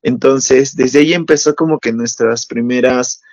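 A man's voice: medium pitch, normal speed, a little mellow, dry recording, lo-fi sound. A man in his twenties from Peru with a Peruvian Spanish accent, an enthusiastic guest who laughs often while chatting in an interview. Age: 20s. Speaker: guest dancer. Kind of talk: casual interview chat.

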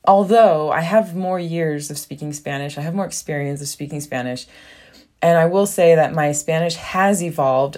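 Speaking from a small bathroom at home, a young native English-speaking woman hosts her own casual podcast in a deep, slightly mellow voice. Her talk rambles, full of fillers and frequent laughter.

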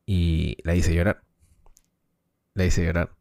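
Male podcast co-host, very low and gravelly, rambling storyteller, dry close sound. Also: flat delivery, slow, darkish tone, no room sound. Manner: rambling storyteller with slang and restarts. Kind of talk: casual chat.

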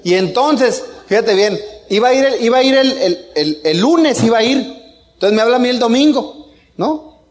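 A man's voice: extremely high pitch, animated, normal speed. A middle-aged man with a Mexican accent telling a casual family anecdote, joking and chuckling as he goes. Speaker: father telling a story.

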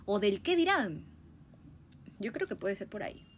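A woman in her twenties thinking aloud in a relaxed monologue, musing and often ending her points with a questioning tag. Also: medium pitch, a little slow, a little hiss or hum. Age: 20s. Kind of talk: reflective casual monologue.

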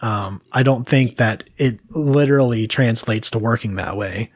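Male podcast co-host, relaxed rambler, close dry mic. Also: mid-range voice, moderate pace, no room sound. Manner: rambling, hedging with fillers. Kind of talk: casual podcast chat.

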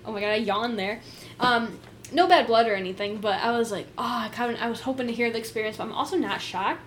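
A woman's voice: fairly high pitch, fast talker, slight background noise. A young woman co-hosting a podcast, chatting casually about urban legends with lots of fillers and laughter. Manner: giggly, filler-heavy, animated. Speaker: podcast co-host.

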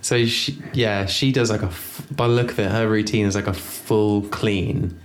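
A man, talking casually and haltingly, full of "like" and restarts. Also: on the low side, steady tone, a little hiss or hum. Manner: hesitant, lots of fillers like "like". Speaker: podcast co-host. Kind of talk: casual chat.

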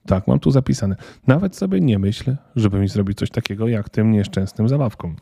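A man's voice: fairly low pitch, a little fast, gravelly, dark tone, breathy edge. A man voicing a small, fussy male Christmas elf who talks in a flustered, indignant, stern way.

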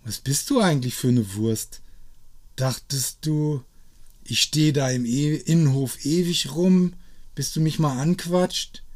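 A man's voice: a little high, unhurried, a little mellow, pitched above the performer's own voice, close to an everyday voice. A man voicing a blunt, cheeky young woman who mocks in slangy storybook dialogue. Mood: mocking.

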